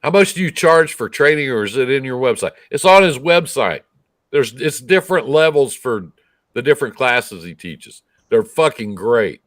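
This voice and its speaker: A man's voice: medium pitch, lively intonation, normal speed, dry recording. Blunt, sarcastic man, dry close sound. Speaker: co-host of a trucking talk show, trucker. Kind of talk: casual, profane talk.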